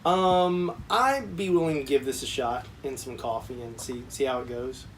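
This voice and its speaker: A man's voice: medium pitch, moderate pace. A man co-hosting a casual whiskey review, full of jokes and rambling asides. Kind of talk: casual joking chat. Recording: distant mic, noisy room.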